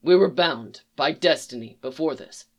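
A reader voicing a gruff, weary male monster hunter who speaks low, quiet and clipped in a read-aloud fan story. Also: moderate pace, lightly acted. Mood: resolute.

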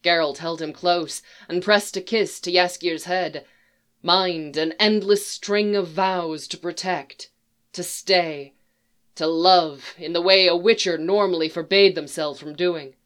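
A narrator reads a fan story aloud, unhurried and measured. The pitch sits at a middling height. The telling stays slow and even throughout. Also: smooth.

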